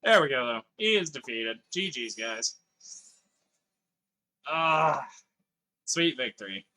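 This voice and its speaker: A man streams a video game live, taking it slowly in a mid-range voice that's pushed and bright, with lively intonation. He's chatty with his viewers, reads their messages aloud and curses from time to time.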